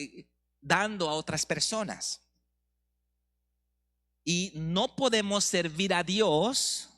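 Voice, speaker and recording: A middle-aged man with a Mexican Spanish accent preaching a sermon, asking rhetorical questions and slowing down for emphasis. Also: high-pitched, a bit bright. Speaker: pastor.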